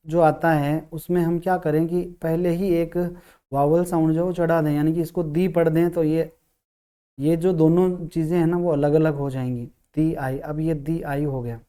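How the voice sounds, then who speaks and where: A man teaching an English grammar lesson, explaining step by step, asking himself questions and sounding out syllables slowly. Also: on the high side, mellow, clear, resonant tone.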